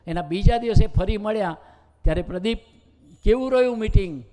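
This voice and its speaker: A man's voice: high-pitched, brisk, mellow, a little hiss or hum. A man preaching a Gujarati sermon, telling stories and acting out the dialogue in quotes, with a Gujarati accent. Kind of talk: sermon with storytelling. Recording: long hall reverb.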